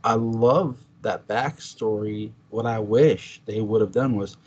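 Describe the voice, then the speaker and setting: A man's voice: lowish voice, slow, husky. A man chatting as a podcast guest, telling stories animatedly and acting out his own reactions in quotes. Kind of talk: casual chat. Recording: dull lo-fi sound.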